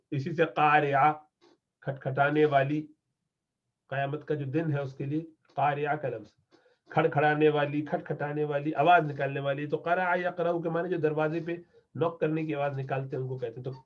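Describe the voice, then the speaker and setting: A male Arabic teacher with a Pakistani Urdu accent, giving a recorded grammar lesson, reading example sentences slowly and then explaining them quickly. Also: fairly high pitch, muffled recording.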